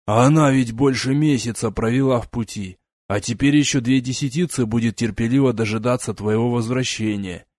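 A man voicing a male demon friend in an audiobook, speaking in a bantering, lively way. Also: mid-range voice, normal speed, few pauses, dry recording, clean studio sound, close to an everyday voice. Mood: teasing.

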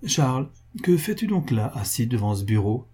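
A man reading aloud, voicing a warm, affectionate young wife with a gushing, lively manner. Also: medium pitch, moderate pace, slightly rough. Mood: eager.

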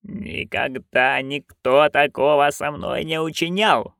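A seething old witch woman with a quick temper and a proud bearing, as a male storyteller puts her on. She hisses and growls her words slowly, low and gravelly, with the voice leaping in sudden swells. A dry, close audiobook sound. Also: big pitch swings, a bit bright, no room sound, exaggerated voice. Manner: hissing, growling, slow and low.

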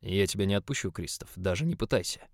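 A man's voice: low voice, expressive, fast, no room sound. A man voicing a huge, stubborn male boss who is possessive and insists, pleading one moment and icy the next, in a dry, close audiobook recording.

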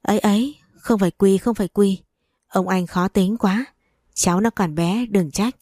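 A woman's voice: medium pitch, moderate pace, dark tone, dry recording, studio quality, lightly acted. A woman reading a wealthy, two-faced middle-aged mother-in-law in a storybook tale, sugary-sweet yet cutting.

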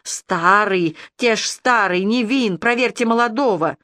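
A woman's voice: mid-range voice, measured pace, bright, forceful tone, no room sound, clean studio sound. A woman reading an audiobook, voicing a swarm of small night creatures with a grating, screeching voice that repeats its words. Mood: screeching eager.

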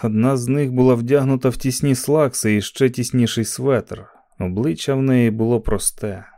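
Mellow-voiced man narrating a novel. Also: medium pitch, normal speed. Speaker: audiobook narrator. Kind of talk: literary audiobook narration.

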